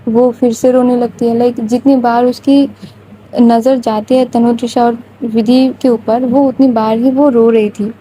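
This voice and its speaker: A woman's voice: on the high side, little pitch movement, dark tone, slight background noise, poor audio. A woman casually retelling a love story in a chatty, informal way. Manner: chatty, informal, frequent English fillers.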